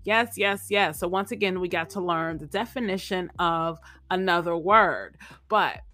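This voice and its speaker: She's a podcast host speaking at a measured pace, her voice low-leaning, bright and forceful. Though a cold still has her sounding slightly off, she keeps up an upbeat, chatty tone, repeating her phrases during a casual motivational chat and vocabulary lesson.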